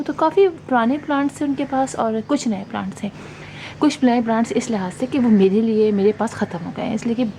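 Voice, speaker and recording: A woman's voice: a little high, warm tone, low-quality recording. A middle-aged woman, chatting casually and rambling with many fillers as she shows her new plants. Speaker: gardening vlogger. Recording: faint background noise.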